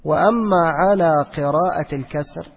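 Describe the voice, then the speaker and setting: The lesson is religious: a Quranic exegesis teacher, male with a slightly high and husky voice, lectures in a repetitive question-and-answer style. He answers his own questions, repeats phrases, and slows to recite verses, all in a lo-fi hall recording with long reverb.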